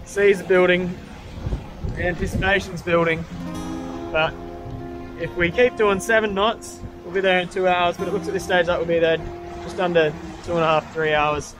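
A man's voice: high-pitched, flat delivery, moderate pace, rough recording. A young man talking casually to camera on a sailing vlog, laid-back and easygoing. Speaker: sailing vlogger. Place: outdoors on a sailboat in rain and wind. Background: music and waves.

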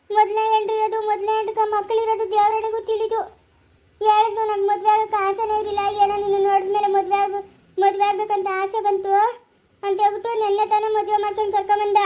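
A woman with a rural Karnataka Kannada accent playing a sharp-tongued village wife who berates and wails curses in an amateur family skit. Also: very high-pitched. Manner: loud berating, wailing curses.

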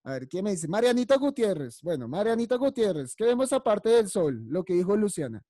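A woman leads an online preschool English class, calling on children by name and praising each answer. Her voice is mellow and warm, recorded dry and close through a computer mic. She speaks with patient, encouraging warmth. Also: medium pitch, big pitch swings, a little fast, dry recording. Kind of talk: online class teaching vocabulary.

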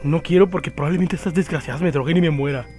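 Man, let's play commentary, blunt, swearing, fairly high voice, faint music. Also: quick pace, darkish tone. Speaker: gameplay commentator.

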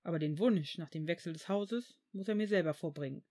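For a fan fiction audiobook, a reader voices an old male headmaster in a natural, medium-pitched voice. He starts measured and calm before turning stern, and the mood is firm.

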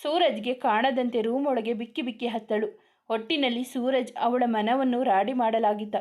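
Lady reading a love story aloud, fairly high voice, even steady telling. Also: normal speed. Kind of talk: scripted narration.

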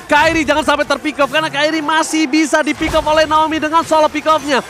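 An Indonesian man commentating an esports match like a fighting game announcer, with hype calls and drawn-out words. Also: very high-pitched, level tone, bright, forceful tone. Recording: crowd noise behind.

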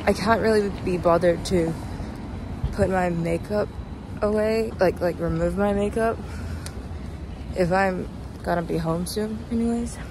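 Walking outdoors on a night-time city street, a young woman chats casually into a handheld phone at arm's length. Her voice is lowish and gravelly, and she rambles slowly, halting and trailing off, while traffic and street noise fill the background.

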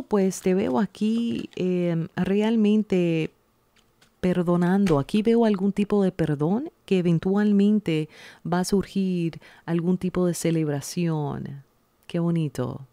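A woman giving a tarot reading to the viewer in a slow, soothing, reassuring way. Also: on the low side, dark tone, no echo. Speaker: tarot reader. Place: indoors at a table, hands seen laying out cards.

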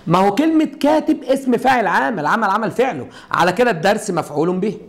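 This is a middle-aged man with an Egyptian accent teaching Arabic grammar at a whiteboard in a classroom. His voice is high-pitched and fast with lively intonation, and he explains step by step, repeatedly posing rhetorical questions to his students.

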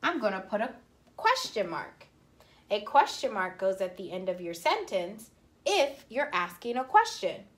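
A woman teaching kindergartners, speaking slowly and sounding out words for young children. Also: medium pitch, sing-song. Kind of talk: slow, clear classroom instruction.

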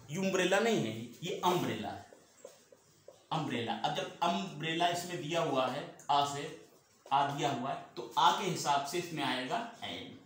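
A man teaching a class, repeating each point and asking and answering his own questions. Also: fairly high pitch. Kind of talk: classroom lesson. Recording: very echoey room, faint noise.

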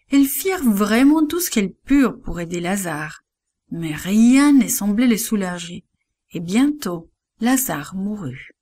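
A woman narrating a Bible story for children, unhurried and addressed straight to the young listeners. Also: medium pitch, darkish tone.

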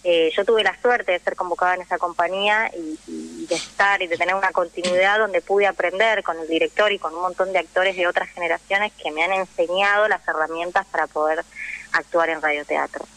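Speaking briskly with fairly even intonation, a woman whose voice sits on the low side and sounds a bit bright gives lengthy, conversational explanations as a radio interview guest. She works as an actress and radio drama teacher, has a Rioplatense Argentine Spanish accent, and the recording is of low quality.

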